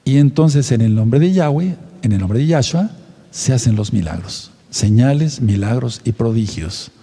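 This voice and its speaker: Dark-voiced man teaching a sermon. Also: medium pitch, animated, a little slow, slightly rough, in a large hall. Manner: didactic, repeats points and asks the audience questions. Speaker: pastor and counselor.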